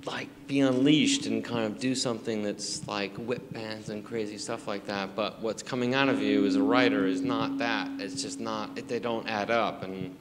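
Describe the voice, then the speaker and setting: A man in his forties with an American accent, answering audience questions at a live screening Q&A, halting and rambling with lots of fillers and restarts. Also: lowish voice. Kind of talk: casual live Q&A. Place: large theater in front of an audience. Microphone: handheld mic. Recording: long theater reverb, background noise.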